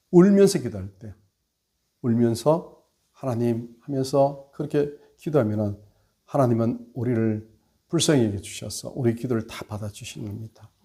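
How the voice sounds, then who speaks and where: A man delivers a sermon in a warm, mellow voice at a middle pitch. He talks earnestly, letting his voice swell on key words and sink almost to a murmur on others. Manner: earnest, swells and drops in loudness for emphasis. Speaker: pastor.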